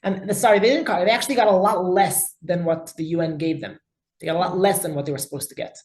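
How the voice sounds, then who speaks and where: A man's voice: sits high, fast talker, reverberant, low-quality recording. A man teaching a class as a rabbi. He speaks emphatically and often repeats words as he talks. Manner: emphatic, with frequent word repetitions. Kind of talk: class lecture with discussion.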